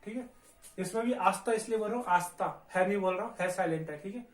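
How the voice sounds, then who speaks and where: High-voiced man teaching in an echoey room. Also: fast talker. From India. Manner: patient, repeats each word many times with frequent "okay". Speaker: Spanish teacher. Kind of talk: casual spoken language lesson.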